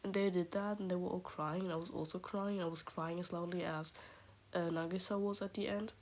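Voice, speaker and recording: Quiet, half-whispering sick woman rambling. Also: on the low side, steady tone, brisk, slight background noise. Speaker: vlogger. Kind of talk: casual fandom chat.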